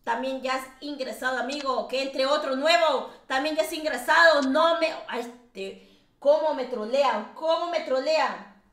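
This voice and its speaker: Bright high-voiced teasing streamer woman. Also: a little slow, reverberant. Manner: teasing, chatty, laughs often. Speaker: streamer hosting a game lobby. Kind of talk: casual live-stream chat.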